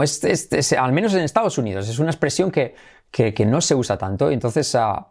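A man's voice: medium pitch, a little mellow. Spanish man teaching English phrases. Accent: Spain Spanish. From Spain. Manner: repeats English phrases slowly to model pronunciation. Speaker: English teacher and channel host. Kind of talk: casual language lesson.

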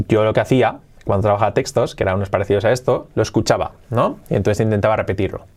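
A man's voice: lowish voice, a little mellow. Man teaching English, explanatory. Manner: explanatory, slow careful English demonstrations with drilled repetition. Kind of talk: Spanish-language English lesson.

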